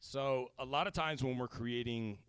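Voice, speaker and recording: A man's voice: medium pitch, normal speed, smooth, no echo. A man hosting a casual livestream drum lesson, a little out of breath, greeting chat viewers by name as he explains.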